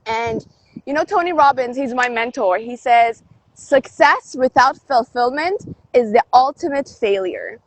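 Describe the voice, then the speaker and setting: A Canadian woman who works as a DJ and life coach speaks upbeat and motivational in a livestream interview, her slightly high voice animated and full of emphatic swings. She keeps a measured pace, and the phone livestream makes the recording low quality.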